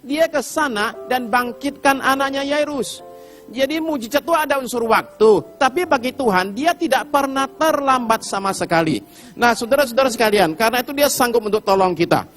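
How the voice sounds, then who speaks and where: Middle-aged male preacher, high and expressive, animated storyteller. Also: a little fast, soft background music. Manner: animated storytelling, acts out Bible characters with shouted pleas. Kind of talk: sermon. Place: church hall.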